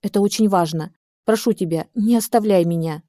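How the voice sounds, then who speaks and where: A woman's voice: mid-range voice, a little fast, warm tone, no room sound, clean studio sound, lightly acted. A woman reading the part of a frantic, furious young woman on the phone, pleading and hysterical.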